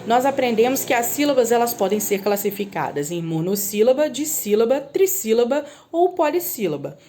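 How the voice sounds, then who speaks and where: Lady teacher, slightly high voice, slow and patient w/ little kids, keeps asking if they got it. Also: dark tone. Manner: patient, drawn-out word spelling with frequent "tá?" checks. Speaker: primary school teacher. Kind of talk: recorded lesson for children.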